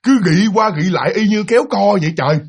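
A man's voice: sits high, lively intonation, fast talker, slightly rough, full character voice. A man doing a flustered bill collector. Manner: flustered exclaiming. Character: startled middle-aged male bill collector, flustered.

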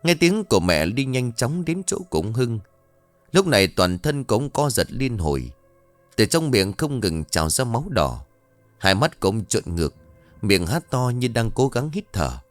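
A man's voice: medium pitch, big pitch swings, normal speed, no echo. A man narrating a horror story in a dramatic storytelling manner. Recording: dry studio voice with faint background music.

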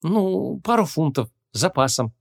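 A man voicing a brisk young female police detective in an audiobook. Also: fairly high pitch, sing-song, gravelly, husky, pitched above the performer's own voice, exaggerated voice.

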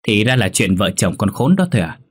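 A man's voice: fairly low pitch, sing-song, brisk, slightly rough. A man voicing a cruel, arrogant young man who speaks in a mocking, dismissive way.

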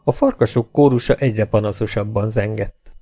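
A man reading a novel aloud as audiobook narration, in an expressive, dramatic way. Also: on the low side. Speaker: audiobook reader.

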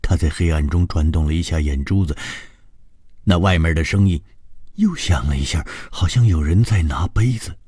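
A man narrating a long broadcast story in a suspenseful, measured way. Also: sits low, dark tone, slightly rough, no room sound, studio quality.

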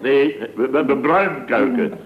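A man playing a blustering, excitable male contractor boss in a 1960s radio comedy, with stammering and loud yelps. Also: mid-range voice, measured pace, natural voice. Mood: rambling. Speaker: boss of a building firm. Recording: dull lo-fi old radio recording.

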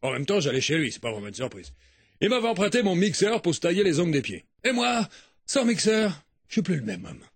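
A man's voice: high-pitched, sing-song, fairly quick, dry recording, studio quality. A man doing a comic radio monologue in a theatrical, mock-poetic, exaggerated way. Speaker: radio morning show comedian.

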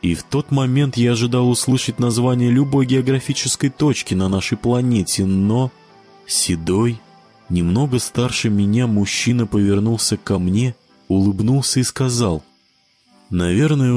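A man narrating a story in the first person, with expressive delivery. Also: mid-range voice, normal speed, faint music behind. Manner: expressive, varied intonation.

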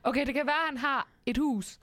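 A woman's voice: high-pitched, pushed and bright, no echo. A woman co-host chatting casually and questioning her partner skeptically. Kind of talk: casual chat.

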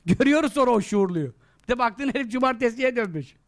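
A man's voice: extremely high pitch, fast. A man giving an informal religious talk as a preacher, scolding and teasing his listeners as he tells his stories. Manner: scolding, teasing, lively storytelling.

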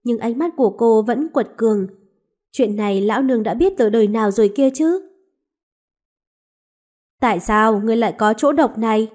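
Woman narrator for a dramatic romance audiobook, expressive reading, slightly high pitch.

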